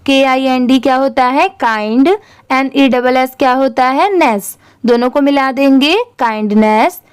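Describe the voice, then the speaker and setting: Patient woman English teacher, higher voice, deliberate unhurried delivery. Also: clean tone. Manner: spells words letter by letter, slow and patient. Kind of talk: spelling-out reading lesson.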